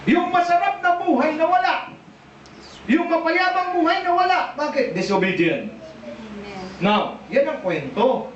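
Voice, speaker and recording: A man with a Filipino accent preaching a sermon, animated and asking the congregation questions. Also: extremely high pitch, a little slow. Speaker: pastor. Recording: echoey church, distant dull mic.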